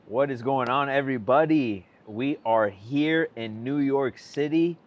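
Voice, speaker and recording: A man hosting a podcast, upbeat and welcoming in a casual interview, handing out shout-outs. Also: mid-range voice, measured pace, dull audio. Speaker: podcast host.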